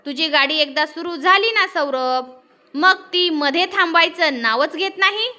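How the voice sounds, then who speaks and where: A fond old grandmother, voiced by a woman teacher reading a storybook to a class, asks her grandson teasing, affectionate questions. The voice sits high and sounds bright and forceful. It is read aloud in a classroom. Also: measured pace, full character voice.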